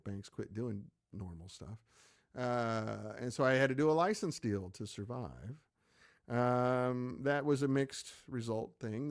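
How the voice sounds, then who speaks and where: A mid-range voice belongs to an amp maker in his late fifties who hosts a live web show. He chats candidly and reads out viewer comments, rambling on with plenty of ums and uhs.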